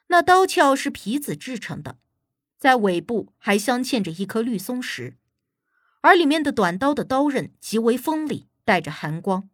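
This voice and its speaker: A woman narrating an audiobook in a steady, expressive storytelling manner, recorded on a close studio mic. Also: on the high side, no echo.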